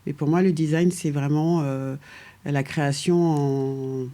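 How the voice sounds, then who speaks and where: In a relaxed interview, a middle-aged guest architect with a deep voice speaks hesitantly, pausing on fillers, restarting sentences and laughing lightly. She is from France and has lived in Paris since age two.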